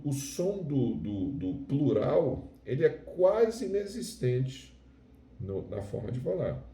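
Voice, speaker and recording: In a video lesson, a man with a Brazilian Portuguese accent teaches Spanish, explaining slowly and checking in with "ok?". His voice is warm and medium-pitched, picked up by a distant mic in a reverberant space.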